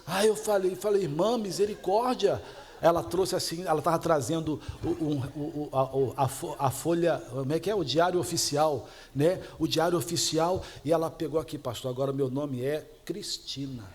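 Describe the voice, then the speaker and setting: A man's voice: on the high side, normal speed, few pauses. A middle-aged man with a Brazilian Portuguese accent, a pastor preaching a sermon, chatty and laughing at his own stories. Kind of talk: sermon with storytelling.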